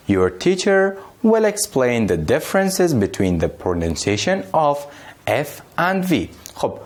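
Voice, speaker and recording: Lively man teaching English. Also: medium pitch. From Afghanistan. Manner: slow, drawn-out delivery with Dari explanations. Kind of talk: bilingual classroom lesson.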